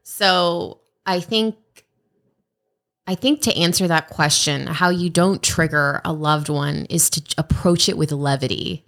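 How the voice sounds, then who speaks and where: A woman co-hosting a podcast in casual chat, animated, self-deprecating and quick to laugh. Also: deep voice. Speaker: podcast co-host.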